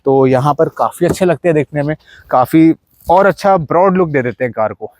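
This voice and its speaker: A man's voice: a little high, brisk, a little mellow, no echo. A young man with an Indian accent giving a casual, chatty walkaround of his modified car, pointing things out as he goes. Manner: chatty, mixes Hindi and English, points things out.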